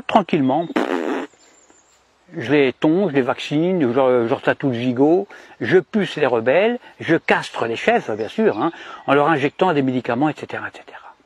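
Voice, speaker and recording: A man from DR Congo playing a smug, cunning shepherd in a mock-cheerful satirical monologue with sly, emphatic pitch swings. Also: animated, normal speed, breathy edge, highs cut off. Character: cunning, smug male shepherd boasting of control.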